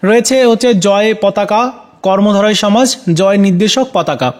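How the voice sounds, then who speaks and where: A man with a notably high voice walks students through exam answers. He talks to them directly and leans on frequent filler pauses between items. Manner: hesitant, many fillers. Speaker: teacher.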